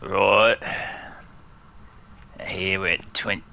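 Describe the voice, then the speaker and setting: A man giving casual let's-play commentary at home, chatty and quick to laugh, chatting about his cat as he plays. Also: deep voice, fairly even intonation, vocal fry, muffled recording, a little hiss or hum. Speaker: gaming streamer. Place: at home near a couch.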